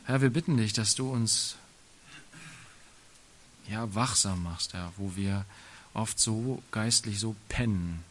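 Bright-voiced man preaching emphatically. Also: fairly low pitch, slow pace, long pauses, a little hiss or hum. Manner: emphatic, colloquial asides with tag questions. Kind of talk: sermon.

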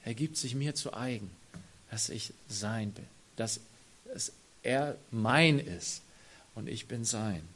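A man preaching a sermon who speaks straight to his congregation, dropping to near-whispers and then rising to loud, emphatic phrases. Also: medium pitch, slow pace, a little hiss or hum. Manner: addresses the congregation directly.

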